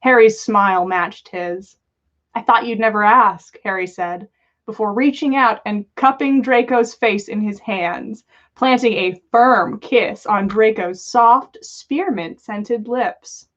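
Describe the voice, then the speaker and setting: A playful, giggly podcast host reads listeners' stories aloud on a livestream and chats casually between them. Her mid-range voice moves at a slow pace, and the livestream audio is dull and lo-fi.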